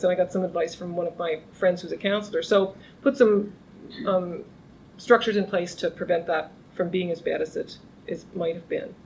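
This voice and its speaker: This low-quality recording, carrying a slight hiss or hum, captures a middle-aged female criminology professor in a lunch seminar room. Her mid-range voice has a conversational tone as she gives a casual academic talk to a few people, with restarts and a raised volume to carry.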